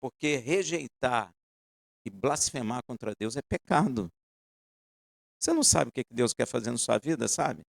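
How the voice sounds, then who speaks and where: A man preaching a sermon, asking the congregation pointed questions and swinging between loud emphasis and quiet asides. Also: medium pitch, expressive, normal speed, gravelly, no echo, studio quality.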